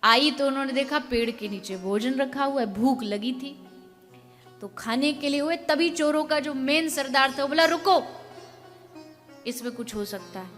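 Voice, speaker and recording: A woman preacher giving a devotional sermon, telling a story in an animated way and acting out the dialogue. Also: high-pitched, moderate pace, big-room sound, faint music behind.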